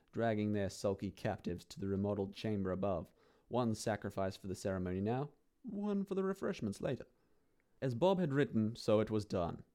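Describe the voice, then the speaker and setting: A man telling a grim fantasy tale in a low, mellow voice. His delivery is dry and theatrical, savouring each grisly turn. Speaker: narrator. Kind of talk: dramatic dark-fantasy storytelling.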